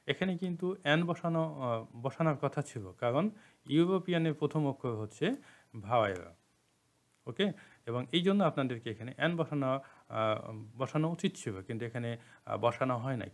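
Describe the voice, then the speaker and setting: A man teaches a grammar lesson at a mid pitch. He goes through each point patiently, repeats key words and asks rhetorical questions of his students. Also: lively intonation, brisk, pauses often.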